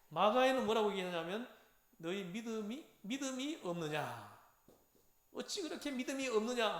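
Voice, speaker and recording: A man giving a lively Bible lecture, acting out lines and having his class repeat them. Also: extremely high pitch. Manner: animated, acts out dialogue, has audience repeat phrases. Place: church lecture room. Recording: echoey room.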